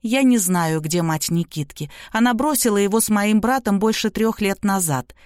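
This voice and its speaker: Earnest young woman, read by a woman narrator, pleading, mid pitch, dry close audiobook sound. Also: normal speed, darkish tone, dry recording, lightly acted.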